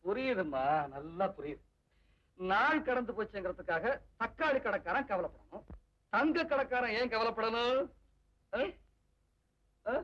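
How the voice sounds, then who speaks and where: A man's voice: high-pitched, lively intonation, measured pace, pauses often, fairly bright tone, heavily acted, low-quality recording. An actor playing a patient young husband who coaxes and soothes his upset wife with playful teasing, in 1960s Tamil film acting. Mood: coaxing. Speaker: new husband in a film drama.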